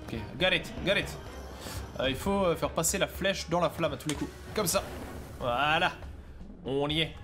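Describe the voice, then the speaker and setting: A young man giving casual gaming commentary as a let's play streamer, excitable, shouting and yelping at the game. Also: a little high, moderate pace, over music.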